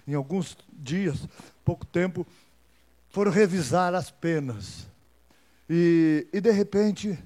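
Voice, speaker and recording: A man preaching a sermon, telling a testimony with emphasis, swinging from soft to loud. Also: a little high.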